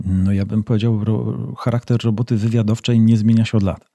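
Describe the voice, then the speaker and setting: Brief: middle-aged male guest, dark gravelly voice, measured explainer, dry close mic. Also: lowish voice, little pitch movement, dry recording. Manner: measured, explanatory, uses rhetorical tags. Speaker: business intelligence consultant, guest. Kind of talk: interview answers.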